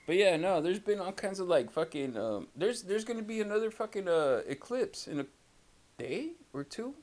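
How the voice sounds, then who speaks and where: A man's voice: high voice, very animated, moderate pace, darkish tone. A man co-hosting a casual podcast, talking in a rambling, profane way and swearing constantly. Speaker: podcast co-host. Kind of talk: casual chat.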